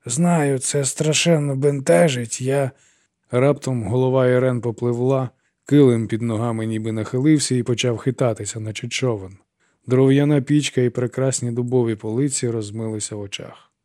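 A male narrator reads a novel aloud in a measured, even voice. His tone is mellow and dark. The sound is dry and close to the mic. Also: medium pitch, no echo. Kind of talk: audiobook narration.

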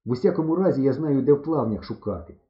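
A man reading an audiobook voices a stubborn, bossy village boy who bickers and shouts, on a roomy, dull recording. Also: mid-range voice, lively intonation, quick pace, close to an everyday voice. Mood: bickering.

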